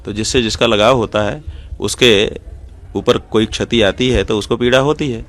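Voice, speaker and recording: A man's voice: medium pitch, normal speed, fairly bright tone. A man making a critical statement in an argumentative, rhetorical way.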